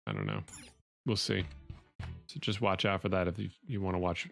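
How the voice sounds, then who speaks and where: A man's voice: deep voice, sing-song, normal speed, creaky, fairly bright tone. A man streaming a video game live, chatting casually in a laid-back, joking way. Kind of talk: casual gaming livestream chatter. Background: game music.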